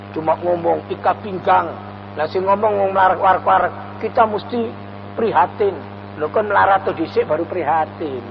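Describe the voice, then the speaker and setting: A man's voice: sits high, vocal fry. A man preaching a mosque lecture with an East Javanese accent. He recites Arabic verses and then explains them in a homely, joking way. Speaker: Islamic preacher. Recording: reverberant hall, dull sound, faint mains hum.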